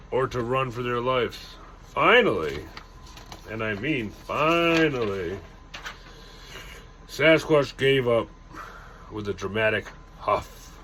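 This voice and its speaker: A man's voice: medium pitch, fairly bright tone, a little hiss or hum. A man hosting a ghost story channel, telling a tale casually with loose self-corrections and dramatic emphasis. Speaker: storyteller host.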